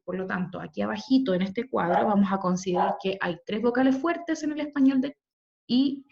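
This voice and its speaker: A woman's voice: medium pitch, a little mellow. A woman teacher giving a recorded grammar lesson over slides, patiently spelling out letters and syllables and checking in with her students. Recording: dull lo-fi home recording.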